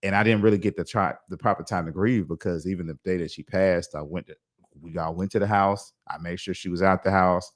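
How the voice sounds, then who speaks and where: A man's voice: low-pitched, fairly even intonation, a little fast. A man hosting a podcast interview, talking reflectively and at length, with frequent restarts and asides. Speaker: podcast host. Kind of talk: casual interview chat.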